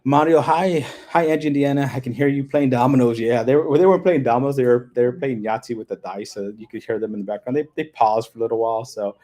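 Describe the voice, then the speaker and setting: A man's voice: medium pitch, fast talker, hardly any pauses, dark tone. A man hosting a casual livestream, rambling and repeating words as he reads and answers comments. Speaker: livestream host. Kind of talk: casual livestream chat reading viewer comments. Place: hotel room, indoors.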